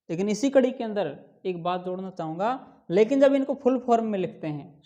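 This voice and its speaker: A man teaching a lesson, asking his students questions and answering them himself, and slowly drawing out each example word. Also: high-pitched, warm tone. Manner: drawn-out slow pronunciation of examples. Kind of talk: classroom lesson explaining English grammar.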